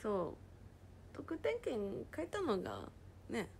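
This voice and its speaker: A woman casually chatting on a livestream, reading viewer comments aloud and often dropping into a soft whisper. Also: on the high side, wildly swooping pitch, slow, gravelly, slight background noise. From Japan.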